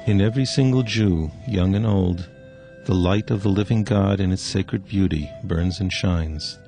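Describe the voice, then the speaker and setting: A man reading solemn, measured scripted documentary narration. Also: sits low, dark tone, soft background music.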